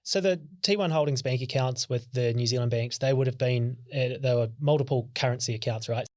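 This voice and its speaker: A man hosts a podcast interview, asking steady questions and guiding the story along. His delivery stays calm and even. The sound is dry and close to the mic. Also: medium pitch, fairly quick, dry recording.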